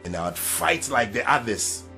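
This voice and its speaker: An actor with a Ghanaian English accent playing a proud ex-soldier sergeant who leads a protest, speaking in a raspy, forceful, speechmaking way. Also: male voice, medium pitch, very animated, measured pace, over music. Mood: defiant. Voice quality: raspy, gravelly. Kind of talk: period drama acting.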